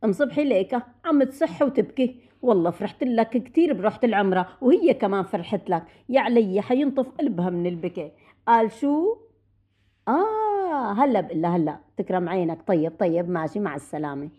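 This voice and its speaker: An actress playing a chatty, caring, teasing woman neighbor in a radio drama, speaking with a Levantine Arabic accent and a lively, fussing manner. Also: medium pitch, a little fast, slightly rough, lo-fi sound. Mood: cheerful.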